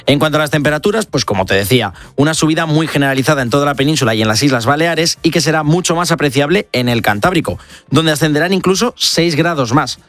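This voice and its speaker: Man from la mancha, radio co-host, fast-paced, dry close sound, weather presenter. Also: on the high side, lively intonation, fairly bright tone, no echo. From La Mancha, Spain. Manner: brisk, cheerful, reads forecasts fluently. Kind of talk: radio chat and weather report. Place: radio studio.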